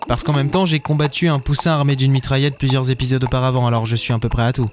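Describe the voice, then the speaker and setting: A man with a wry, deadpan delivery, narrating a comic radio serial as its lead character. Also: mid-range voice, quick pace, background noise.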